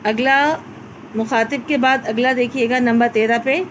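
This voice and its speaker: A woman's voice: a little high, steady tone, slight background noise, rough recording. A woman, teaching a children's class by patiently spelling out letters step by step. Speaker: primary school Urdu teacher. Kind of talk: recorded class lesson.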